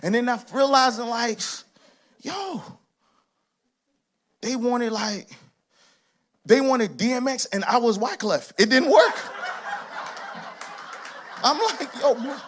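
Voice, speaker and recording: A preacher of Haitian heritage delivers a church sermon in a strikingly high, animated voice, speaking slowly with long pauses. He hammers points home with stacked repetitions that rise into shouts, then relaxes into laughing, conversational asides.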